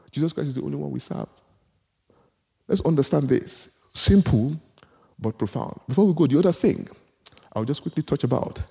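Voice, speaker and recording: Emphatic male preacher with sudden swings. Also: mid-range voice. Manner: emphatic, repeats phrases, swings from loud to hushed. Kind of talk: sermon.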